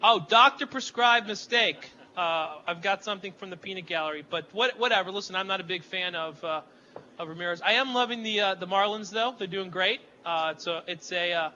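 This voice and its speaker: A man hosts a radio show live from a downtown club, talking loosely and cracking jokes as he goes. His voice sits high and very bright. The sound is a bit dull, with faint noise behind him. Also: fairly quick. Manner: loose, rambling, joking. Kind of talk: casual on-air chat.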